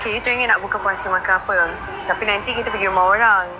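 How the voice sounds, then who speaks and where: A woman's voice: mid-range voice, fairly even intonation, racing. A woman chatting casually for a vlog, switching between Malay and English. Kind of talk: casual chat. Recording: very noisy on-location vlog.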